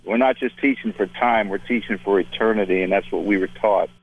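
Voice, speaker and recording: A man's voice: fairly low pitch, fairly even intonation, fairly quick, breathy edge. A man in his fifties, a former teacher now in ministry, heard over the phone and telling old stories in a folksy, chuckling way. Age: 50s. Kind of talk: casual reminiscing phone chat. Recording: dull, lo-fi phone line.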